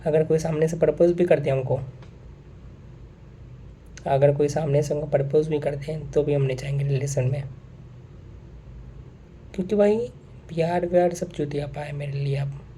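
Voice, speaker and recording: Very dark-voiced young man venting. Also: on the high side, steady tone, normal speed, pauses often, a little hiss or hum. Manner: earnest, repeats himself, mixes in English phrases. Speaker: vlogger. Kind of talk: casual monologue to camera.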